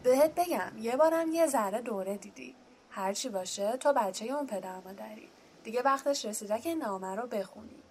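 A woman reading aloud and voicing Hagrid, a huge, quick-tempered male gamekeeper who speaks loudly and bluntly. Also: on the high side, animated, slight background noise, lightly acted. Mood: emphatic. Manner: loud, blunt, indignant.

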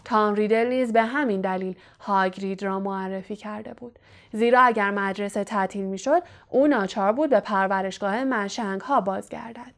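A woman narrating an audiobook in a measured, even reading style. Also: mid-range voice. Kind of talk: scripted narration.

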